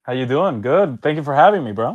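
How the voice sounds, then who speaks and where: Fast-talking and expressive, this man has a mid-range voice, and the recording cuts off the highs. Originally from Venezuela and later in Miami, he organizes tournaments and, as a podcast guest, tells slangy stories while acting out dialogue.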